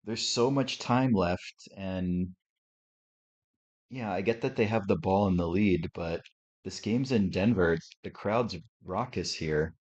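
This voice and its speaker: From home with a TV on, a male live stream host gives casual reaction commentary on a game, relaxed and thinking aloud at a slow pace. He has a very low, deep, sportscaster-like radio voice, and the lo-fi mic makes the audio dull and slightly muffled.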